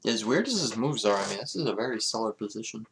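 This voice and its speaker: A man's voice: lowish voice, animated, fast, noisy background. A man streaming a chess game, thinking aloud in a casual, hesitant, muttering way. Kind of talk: casual live commentary while playing.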